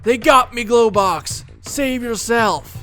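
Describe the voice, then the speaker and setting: A man voicing a brave young male hero who shouts excitedly over music. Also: very high voice, takes it slowly, pitched above the performer's own voice, heavily acted. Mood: urgent.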